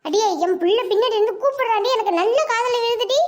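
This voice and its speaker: A woman's voice: very high-pitched, fast. A woman voicing an angry, bitter aging mother in a cartoon, scolding and accusing. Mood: insistent. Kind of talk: Tamil cartoon voice acting.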